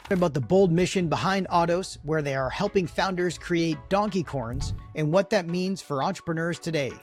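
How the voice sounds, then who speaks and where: A man hosting a podcast, who reads an introduction and then asks friendly, upbeat questions. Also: fairly high pitch. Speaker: podcast host. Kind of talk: scripted intro, then casual interview.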